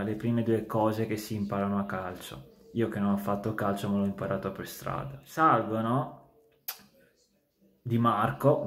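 A man gives a casual football reaction to camera, halting and stressing key words. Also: lowish voice. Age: 20s. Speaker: amateur football YouTuber. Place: small plain room indoors. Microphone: phone at arm's length.

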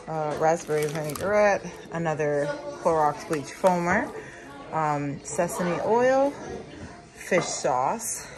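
Slow low-voiced mom listing groceries. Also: female voice. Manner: lists items slowly with frequent ums. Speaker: vlogger, mother of a large family. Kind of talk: casual grocery haul narration. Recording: noisy home recording. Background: kids in the background.

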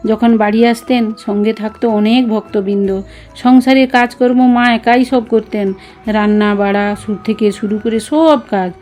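A woman's voice: fairly high pitch, steady tone, a little slow, darkish tone, soft background music, natural voice. A woman reading the memories of a grown son about his devoted mother, in an earnest, reminiscing way.

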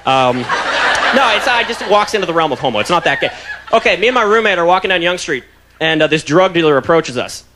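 A young man doing a loud, mocking stand-up comedy set on a stage mic. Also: on the high side, animated, fast, slight background noise. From Canada. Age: young adult. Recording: live club with loud crowd laughter.

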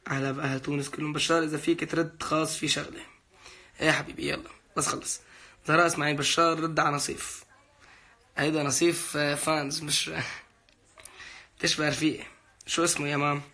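A man's voice: a little high, little pitch movement, quick pace, bright, forceful tone, slightly rough. A young man hosting a casual livestream, chatty and playful as he reads out and thanks his fans. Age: young adult. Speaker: livestream host answering viewer comments. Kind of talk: casual live chat.

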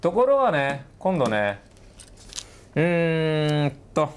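A middle-aged man giving a casual recorded lecture as a teacher, often checking in with the student and slowly sounding words out again and again. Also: fairly high pitch, big pitch swings, slight background noise. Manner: sounds words out slowly, stretching and repeating them. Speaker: English teacher.

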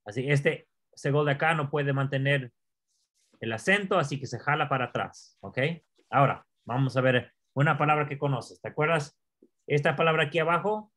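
With patience, a man teaches Hebrew pronunciation step by step, going slowly, repeating words and quizzing his learner. His voice is a little high and a bit bright.

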